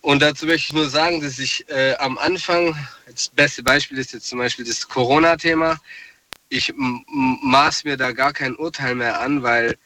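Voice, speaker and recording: A man on the phone calls in to a radio show, talking slowly and thoughtfully and pausing to find his words. His voice is bright and a little sharp. The line sounds distant and a soft hiss sits under it. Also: mid-range voice. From southwest Germany. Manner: thoughtful, hesitant. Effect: over the phone. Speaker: caller. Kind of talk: call-in radio chat.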